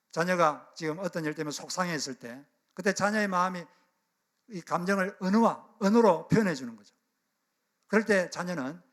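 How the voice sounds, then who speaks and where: A middle-aged man preaches from the pulpit in a slightly raised voice. His delivery is earnest, sinking to near-hushed tones on the phrases he stresses. He then lifts for his appeals to the congregation. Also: on the high side. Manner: earnest preaching, dropping soft on key phrases and rising on exhortations. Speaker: pastor. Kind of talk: sermon.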